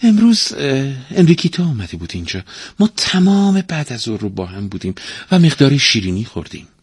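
Storybook voice: a man plays a quick-tempered, suspicious wife, pitched high and husky. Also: sing-song, no room sound, studio quality. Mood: startled. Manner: shrill, scolding, suspicious. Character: hot-tempered merchant's wife, adult woman.

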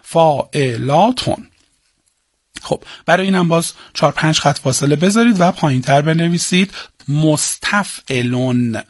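A male teacher giving a lesson and dictating to students, chanting syllables slowly and spelling them out. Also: a little high, dry recording, studio quality. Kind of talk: classroom lesson on Persian prosody.

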